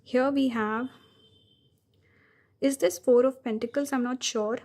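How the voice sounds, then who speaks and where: A woman's voice: sits high, fairly even intonation, unhurried, a little mellow. A woman giving a pick-a-card tarot reading, talking casually with frequent fillers and self-corrections. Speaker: tarot reader.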